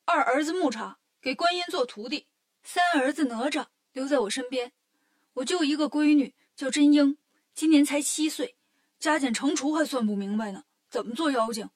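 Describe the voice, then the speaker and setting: A woman voicing a hot-tempered middle-aged male heavenly king in a children's story, speaking loudly and indignantly. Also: on the high side, a little fast, close to an everyday voice. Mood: angry.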